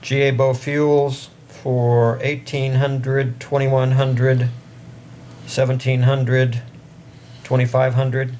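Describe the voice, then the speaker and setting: A man's voice: mid-range voice, little pitch movement, slow pace, darkish tone. A man chairing a board meeting in formal procedural language, speaking up to carry across a meeting room. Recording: noisy meeting room audio with ambience.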